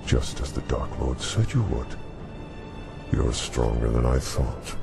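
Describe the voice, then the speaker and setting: A man voicing a taunting, haughty demon dark lord in a video game, speaking with mocking menace. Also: rumbling low, expressive, takes it slowly, creaky, exaggerated voice. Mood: sinister taunting. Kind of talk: video game cutscene voice acting. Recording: dramatic music behind.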